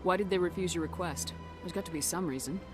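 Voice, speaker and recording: Game lead: female military commander played by a woman, fast delivery, firm and assertive, faint music. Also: on the low side, close to an everyday voice. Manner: brisk, assertive. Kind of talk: video game acting.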